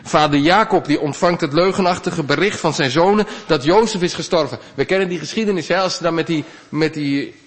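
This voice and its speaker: Male preacher, sermon, slightly high voice, earnest, swings between loud pleas and quiet asides, long church reverb. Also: fairly quick.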